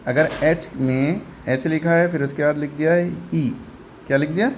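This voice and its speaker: A man's voice: fairly high pitch, steady tone, moderate pace, a little hiss or hum. A man teaching English reading, patiently repeating each sound and quizzing his learner step by step. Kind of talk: step-by-step phonics lesson.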